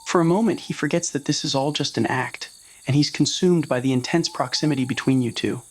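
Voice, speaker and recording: A narrator of fan roleplay audio stories reads a scripted romantic tale in the second person, voicing both the scene and the dialogue. The voice sits in the mid range and moves fairly quickly.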